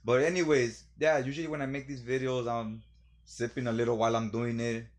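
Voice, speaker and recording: A man's voice: medium pitch, little pitch movement, brisk. A man hosting his own vlog, talking loosely and rambling in casual commentary while a little tipsy from drinking. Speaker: video host.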